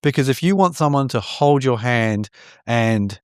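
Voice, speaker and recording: A man's voice: mid-range voice, expressive, measured pace, clean tone, dry recording. Candid rambling man, dry close sound. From born in India, raised in New Zealand. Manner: candid, rambling, restarts often with frequent "right?". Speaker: podcast guest, mortgage broker. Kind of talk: casual chat.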